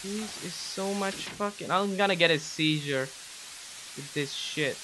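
A man's voice: a little high, a little slow. A young man commentating on his horror game playthrough, muttering and swearing to himself. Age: young adult. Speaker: gaming streamer. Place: indoors at a gaming desk. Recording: noticeable background hiss.

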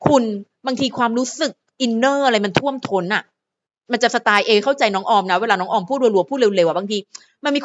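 A woman's voice: fairly high pitch, fairly bright tone, muffled recording. A woman hosting her own fan channel, chatting playfully to viewers and to herself in a casual solo vlog.

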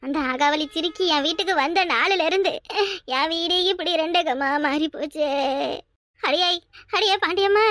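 A woman's voice: very high voice, a bit bright, dry recording, clean studio sound. A woman voicing a melodramatic old village grandmother in a cartoon, lamenting her fate. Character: wailing old village grandmother, dramatic and self-pitying. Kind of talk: cartoon family drama dubbing.

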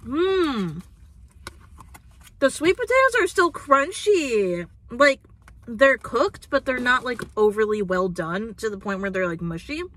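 Unhurried and sing-song, her slightly high, somewhat bright voice carries a casual food review recorded in a parked car. The twenty-something vlogger films on a dashboard phone camera and leans on "like" and "um" as she chats.

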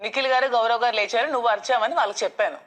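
A woman's voice: on the high side, fairly even intonation, very fast, a bit bright. A woman on a reality show, scolding and explaining her side in an argument. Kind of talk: heated household argument.

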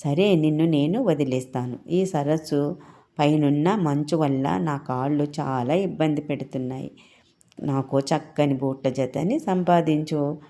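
A woman's voice: deep voice, a little slow, mellow. Woman voicing a bossy royal swan. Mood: demanding. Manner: bossy, making threats.

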